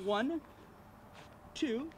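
A man's voice: very high voice, animated, very slow, a little mellow, slight background noise. A man hosting a playful street quiz show, teaching English and teasing as he switches between Spanish and English.

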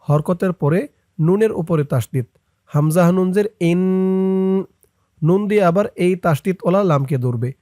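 Bangladeshi male Quran teacher, high, unhurried, spells letters then chants each word long, dry close recording. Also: animated, dark tone, no room sound. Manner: spells out letters, then recites drawn out and higher. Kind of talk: slow syllable-by-syllable recitation lesson.

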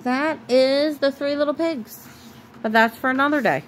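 A mother reads a bedtime story to her child at home. Her voice sits fairly high and breaks off now and then to talk with the child. A faint hiss runs behind it. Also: normal speed, rough recording.

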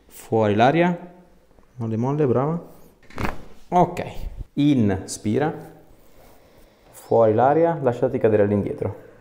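Expressive and slow, with long pauses, this man's mid-range, mellow voice comes through with slight background noise. As a chiropractor, he offers short, reassuring exam instructions and relaxed explanations in a small, echoey indoor treatment room.

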